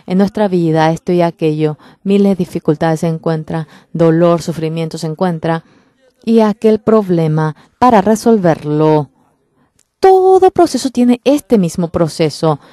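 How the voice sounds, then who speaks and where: A woman's voice: low-pitched, dark tone, no room sound. A woman delivering a church sermon in a fervent, emphatic preaching manner. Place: church service.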